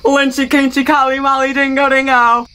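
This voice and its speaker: A woman voicing a strange dog that chants a nonsense song in a loud sing-song. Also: sits high, level tone, normal speed, voice pushed up. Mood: chanting.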